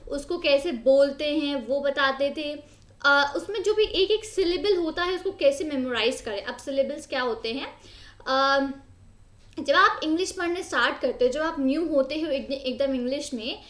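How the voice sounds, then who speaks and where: High-voiced woman teaching in an echoey room. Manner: explains in Hindi, slowly reads English textbook lines; repeats and rephrases, frequent fillers. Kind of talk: exam-prep history lecture.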